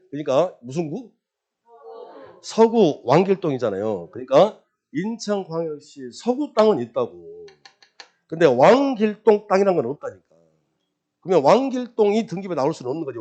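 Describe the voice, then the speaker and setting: A middle-aged male lecturer with a high-pitched voice teaches an exam-prep law class. He drills his listeners with quick questions and answers them himself, keeping the pace brisk and animated. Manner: lively, quizzing, drills with repeated questions and answers.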